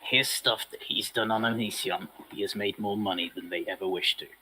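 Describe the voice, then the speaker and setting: A man's voice: on the low side, fairly even intonation, brisk, pushed and bright, slightly rough, poor audio. A man co-hosting a casual chat show, cracking dry, sardonic jokes. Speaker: co-host.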